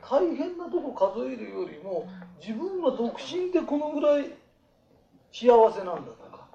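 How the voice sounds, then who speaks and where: A man giving life advice to a small group in blunt, rough, colloquial talk. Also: very high-pitched, very animated, moderate pace, mellow, echoey room, muffled recording.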